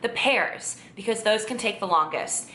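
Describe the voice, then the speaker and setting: A woman's voice: medium pitch, lively intonation, normal speed, sharp tone, roomy sound, a little hiss or hum. A woman vlogging in casual chat, gushing and chatty with lots of fillers and restarts.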